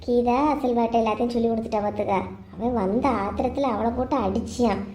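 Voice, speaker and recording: A woman's voice: on the high side, fairly even intonation, fast, mellow, roomy sound, slight background noise, natural voice. Woman voicing a comforting older-sister friend, Kanyakumari accent. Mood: indignant. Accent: Kanyakumari Tamil. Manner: soothing, then indignant. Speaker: cartoon character. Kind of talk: cartoon voice acting.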